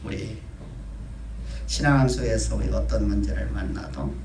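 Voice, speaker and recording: A man preaching a sermon as pastor, swinging between soft and loud delivery. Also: on the low side, measured pace, reverberant, slight background noise.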